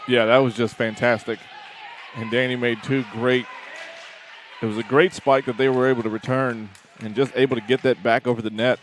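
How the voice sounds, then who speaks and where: A man adding color commentary to a volleyball broadcast, relaxed and agreeable as he breaks down plays. His voice sits in a middle pitch, with faint background noise on the recording. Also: moderate pace. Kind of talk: sports commentary.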